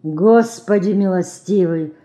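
A woman's voice: medium pitch, dark tone, lightly acted. Woman doing a weary old organ grinder. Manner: slow, folksy, mild complaining.

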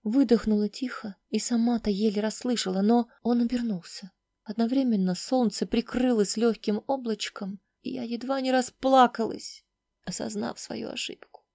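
Dark-voiced woman narrating softly. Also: on the high side, fairly even intonation, moderate pace, gravelly, no room sound, studio quality. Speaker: audiobook narrator. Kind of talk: first-person audiobook narration.

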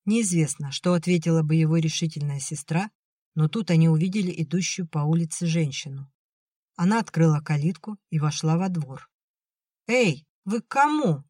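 A narrator telling a novel in an even, measured storytelling voice of middle pitch. The recording is dry and close, with no room sound. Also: no room sound. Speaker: audiobook narrator. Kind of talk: scripted audiobook narration.

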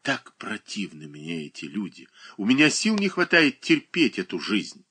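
A man voicing a sentimental, self-pitying woman who coos pet names in a slow, plaintive way. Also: on the low side, sing-song, pushed and bright, husky, heavily acted.

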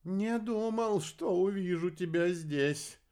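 Man putting on a slow, vague male astrologer. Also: darkish tone, clean tone. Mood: vague, drawling. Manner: slow, drawn-out, raised pitch.

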